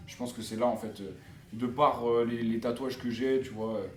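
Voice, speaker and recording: A tattoo artist from Montreuil chats loosely on a casual podcast, rambling and checking in often with "tu vois." His mid-range voice is fairly even, moderately paced, and reverberant.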